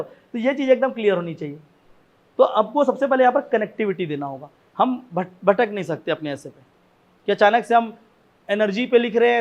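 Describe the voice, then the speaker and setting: High-voiced man teaching essay writing. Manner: conversational, frequent "ठीक है ना" check-ins; repeats key points, asks rhetorical questions. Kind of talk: classroom lecture.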